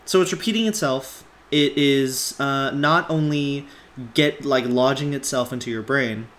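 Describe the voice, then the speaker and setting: A relaxed, unhurried streamer breaks down a song's melody on a live stream. They hum phrases on "da" and "ba" syllables to show the rhythm. They think aloud in a loose, casual way and answer viewer requests between examples. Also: medium pitch. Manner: hums melodies on nonsense syllables to demonstrate. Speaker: music analysis streamer.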